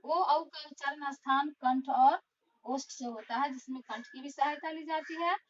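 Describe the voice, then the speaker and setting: A woman with a high voice teaches a classroom lesson, explaining each point slowly and deliberately. She sounds some distance from the mic, and the recording is dull and lo-fi. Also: steady tone. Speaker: school teacher. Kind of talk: classroom lesson on Hindi phonetics.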